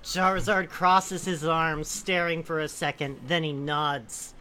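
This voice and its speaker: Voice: medium pitch, flat delivery, a little slow, pushed and bright, slight background noise. A person reading a comic story aloud to friends, breaking off into casual, amused asides.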